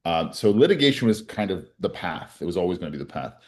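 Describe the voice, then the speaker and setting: Speaking quickly in a low, slightly mellow voice with big swings in pitch, a man in his forties tells his interview story. He grew up in Colombia, practices criminal defense law, and comes across as earnest and reflective, often beginning again.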